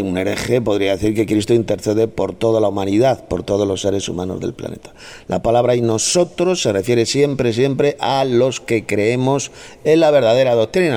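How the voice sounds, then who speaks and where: A man's voice: fairly low pitch, dark tone. A man leading a Bible study who explains verses with conviction and scolds and mocks his opponents. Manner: combative, scolding, mocking opponents. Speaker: Bible teacher. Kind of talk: heated Bible study debate.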